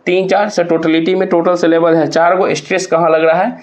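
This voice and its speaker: A man runs an exam revision lesson, his voice sitting a little high. He spells each word slowly, letter by letter, and keeps asking his students questions. The recording sounds muffled and lo-fi. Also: level tone. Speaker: exam prep teacher. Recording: muffled lo-fi audio.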